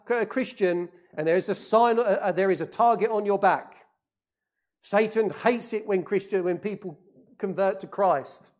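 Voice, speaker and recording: A preacher delivering a sermon in a deliberate way, repeating key phrases for emphasis and putting rhetorical questions to the congregation. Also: medium pitch.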